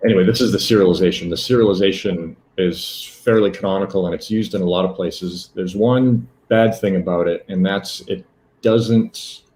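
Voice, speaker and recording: A man gives a live technical demo in a very deep voice. He stops often, filling gaps and correcting himself as he walks through the steps. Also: darkish tone, rough recording. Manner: halting, many fillers and self-corrections. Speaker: presenter.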